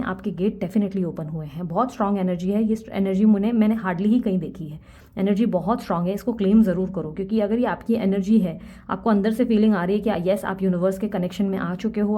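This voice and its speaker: A young adult woman giving a tarot reading, talking fast and earnestly and mixing English words into her Hindi. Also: mid-range voice, mellow. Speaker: tarot reader.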